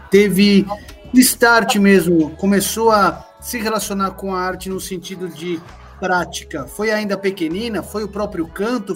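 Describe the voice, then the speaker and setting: A man interviewing a guest, asking friendly, encouraging questions and often ending with tag questions. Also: high voice.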